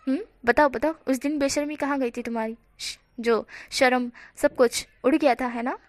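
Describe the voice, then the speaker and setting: A woman's voice: sits high, steady tone, moderate pace, no room sound, lightly acted. A woman voicing a playful, affectionate young man in love who teases as he talks. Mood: teasing. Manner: playful, teasing.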